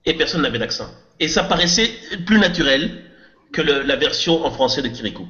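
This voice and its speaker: Bright, animated man in a roomy recording. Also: fairly high pitch, fairly quick. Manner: insistent, repeats his point, asks the group. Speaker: podcast co-host. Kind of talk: casual panel discussion. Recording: muffled, roomy podcast recording.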